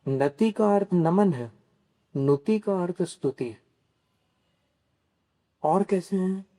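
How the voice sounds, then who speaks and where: Male monk, sermon, slow delivery, raised pitch, very dark mellow tone, question-and-answer teaching. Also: expressive. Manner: carefully spells out pronunciations. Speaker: Jain monk giving a scripture discourse. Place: Kolhapur.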